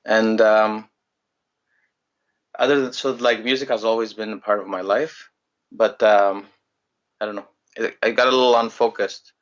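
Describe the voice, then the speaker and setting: A young man from Greece, a musician telling his story in a relaxed, rambling way in a casual interview. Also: on the low side, moderate pace, long pauses, dull audio. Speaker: musician guest.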